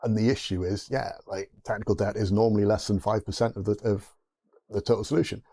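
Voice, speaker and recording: A man's voice: fairly low pitch, fairly even intonation, fast talker, dark tone. A man with a Geordie accent hosting a tech video, explaining ideas off the cuff with restarts and rhetorical asides. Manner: rambling, restarts mid-thought, rhetorical asides. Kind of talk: unscripted explainer to camera.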